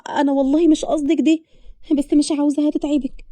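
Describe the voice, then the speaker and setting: A grieving young widowed bride, as a woman narrator puts her on, speaking earnestly in a mellow voice with an Upper Egyptian accent. She talks fast, and the recording is dry. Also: sits high, level tone, dry recording, lightly acted. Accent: Upper Egyptian Arabic.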